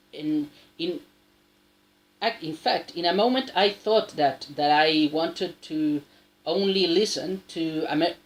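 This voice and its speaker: A South American man whose first language is Spanish shares advice as an English learner in a casual spoken monologue. He talks slowly and haltingly, restarting often and leaning on a frequent tag question. His voice is on the high side, and the recording quality is low.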